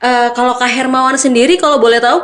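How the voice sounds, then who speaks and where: A woman's voice: sits high, fairly even intonation, fast, a bit bright. A woman hosting a podcast interview, asking friendly, upbeat questions with frequent fillers. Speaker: podcast host.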